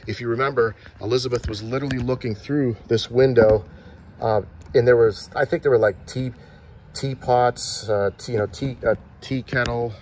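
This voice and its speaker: Filming on a handheld phone, a man gives a chatty tour of small-town filming locations, pointing out details outdoors and at shop windows while often restarting. His medium-pitched voice is a little mellow, with fairly even intonation and a moderate pace. A slight hiss or hum runs under the recording.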